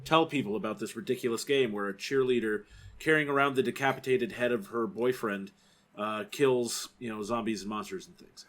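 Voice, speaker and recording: A man's voice: mid-range voice, fairly quick. Easygoing man co-hosting a podcast. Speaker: podcast co-host. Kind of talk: casual film podcast chat.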